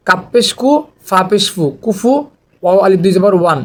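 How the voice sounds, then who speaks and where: A man teaching Quran reading, slowly and patiently spelling out Arabic letters and vowel marks. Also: high voice. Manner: slow, patient letter-by-letter drilling with short grammar asides.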